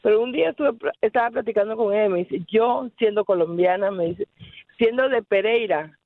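A woman's voice: medium pitch, fairly quick, no echo. Blunt woman caller on a tinny phone line. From Guatemala. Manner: blunt, emphatic. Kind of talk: phone call-in.

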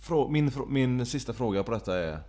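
A man's voice: mid-range voice, lively intonation, mellow. A man co-hosting a podcast in casual chat, speaking hesitantly with many fillers. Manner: hesitant, halting, lots of "eh" and "ja". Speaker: podcast co-host.

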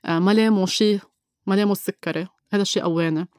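A woman's voice: medium pitch, fairly even intonation, rapid-fire, darkish tone, dry recording, studio quality. A woman with a Lebanese Levantine Arabic accent tells a personal story as an interview guest, emphatically repeating phrases and mixing in English words.

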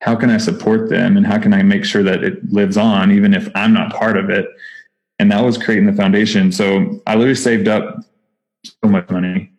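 This man's delivery is flat and fairly quick, his lowish voice a bit dark in tone, heard through dull audio. He has a Texas accent and runs a nonprofit he founded, chatting enthusiastically and loosely as a podcast interviewee, often restarting and using fillers.

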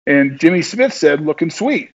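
A man co-hosting casual sports chat on the radio, halting and repeating himself. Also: fairly high pitch, big pitch swings, slightly rough, highs cut off. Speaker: radio show producer and co-host.

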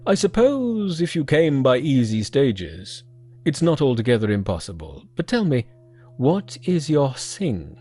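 A storyteller voicing a stern old patriarch teacher who questions a new pupil, gruff and measured. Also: medium pitch, huge pitch swings, warm tone, soft background music, full character voice.

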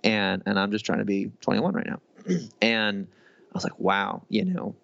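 A man in his thirties talks in a loose, rambling way, often restarting his sentences and filling gaps with fillers. His low voice has a gravelly edge. The sound is dry and a little dull, with a lo-fi quality. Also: animated, normal speed, fairly bright tone, dry recording. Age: 30s. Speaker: guest author. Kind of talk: casual interview conversation.

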